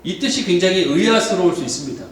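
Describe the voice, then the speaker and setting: Lively high-voiced pastor in an echoey church. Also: male voice, quick pace. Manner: explanatory, asks the congregation questions. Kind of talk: sermon. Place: church sanctuary. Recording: echoey hall from far off.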